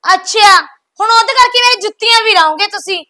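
A woman's voice: extremely high pitch, fairly quick, bright, forceful tone. A woman with a Punjabi accent playing a resentful young wife who bickers sarcastically. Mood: sarcastic. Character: resentful young wife jealous of her sister-in-law. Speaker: wife and daughter-in-law.

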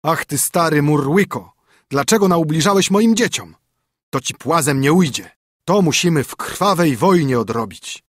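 An old, angry king wren , as a man acts him out, who scolds in a raised, threatening voice. He is pitched a little high and sounds slightly husky. The storybook recording is dry and close. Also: very animated, fairly quick, a bit bright, dry recording, heavily acted.

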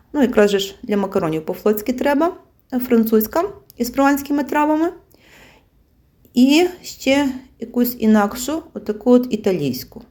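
A woman's voice: a little high, a little mellow. Chatty woman vlogger unpacking groceries. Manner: chatty, with frequent fillers and laughs. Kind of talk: casual chat.

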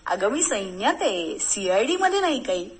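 A woman's voice: mid-range voice, sing-song, moderate pace, close to an everyday voice, poor audio. A woman voicing a young army officer husband who teasingly reassures his wife. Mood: reassuring.

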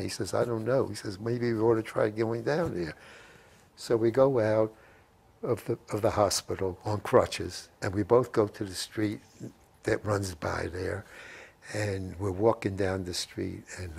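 A man's voice: lowish voice, creaky, a little mellow, breathy edge. A man in his eighties telling rambling anecdotes in an interview, repeating phrases and quoting old conversations as he goes. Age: 80s. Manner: rambling, repeats phrases, quotes remembered dialogue. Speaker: WWII veteran being interviewed. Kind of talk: reminiscing, anecdotal interview storytelling. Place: living room at home. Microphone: lapel mic.

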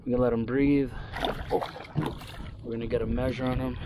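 A man in his thirties, a fishing vlogger, chatting excitedly to the fish and viewers on a small boat outdoors, recorded on an action camera. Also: mid-range voice, a little fast, background noise. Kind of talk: casual on-the-water commentary. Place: outdoors on a small skiff on open water. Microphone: action camera on his body.

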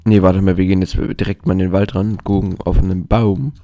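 Man, gravelly, low-pitched, hyper rambling gameplay chatter, dry close sound. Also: level tone, brisk, dark tone, no room sound. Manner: hyper, jokey, rambling to himself. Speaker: let's play gamer. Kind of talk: casual gameplay commentary.

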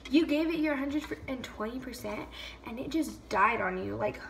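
A young woman bakes in her home kitchen for a vlog, chatting casually and self-mockingly with a lot of "like" and "um." Her high voice is expressive and creaky, at a moderate pace. A camera mic, sometimes from across the room, gives roomy off-mic sound with a little hiss or hum.

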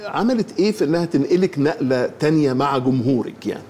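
Egyptian guy hosting a talk show, talks super fast, bit of hiss behind him. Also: a little high, animated, mellow. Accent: Egyptian Arabic. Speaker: host.

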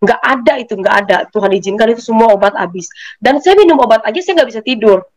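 Woman, slightly high voice, animated storyteller giving her testimony. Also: fast, poor audio. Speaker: testimony giver. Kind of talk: personal faith testimony.

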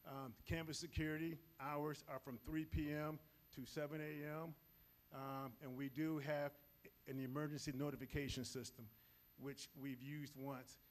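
This is a live safety training session led by a middle-aged man with a loud, fairly high voice and a moderate pace. Gripping a handheld microphone, he paces the stage of a large auditorium with plenty of energy.

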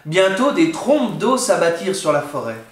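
A man reading a children's picture book aloud, with an expressive, dramatic delivery. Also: high-pitched, normal speed. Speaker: children's storyteller. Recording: roomy echo.

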